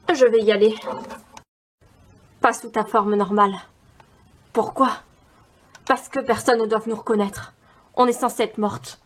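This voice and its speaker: A woman's voice: medium pitch, close to an everyday voice. A woman playing scheming, bossy young witches plotting in secret in an amateur audio drama.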